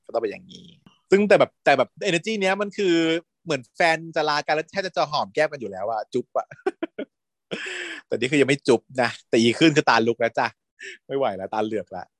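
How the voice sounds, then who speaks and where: A man retelling a series in casual chat, camp and lively, acting out the characters' lines. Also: medium pitch, fairly quick, no room sound, clean studio sound. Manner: animated, camp, switches into character voices. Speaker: storyteller recapping a series. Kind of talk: casual retelling with acted quotes.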